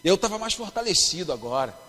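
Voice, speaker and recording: A man's voice: high voice, very animated, fast, a bit bright. A man with a Brazilian accent preaching a sermon, telling a personal story and calling the congregation brothers. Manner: storytelling, emphatic, calls the congregation "irmãos". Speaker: pastor. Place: church hall at a youth congress. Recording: long reverb of a church hall.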